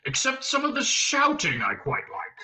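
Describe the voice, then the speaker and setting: A man voicing a huge, dim-witted male alien guard in a story reading, booming and slow. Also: wildly swooping pitch, sharp tone, exaggerated voice. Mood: dim, sluggish.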